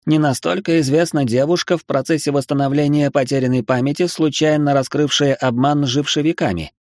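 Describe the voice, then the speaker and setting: A man voicing a scholarly male angel in an audiobook, measured, analytical and wry. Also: a little high, fairly even intonation, darkish tone, no room sound, clean studio sound, close to an everyday voice. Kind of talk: audiobook character reading.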